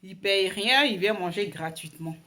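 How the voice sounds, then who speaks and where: A woman's voice: mid-range voice, normal speed, sharp tone. A young woman telling a story time to her viewers in a casual, wry, amused way, with many fillers and restarts. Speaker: vlogger.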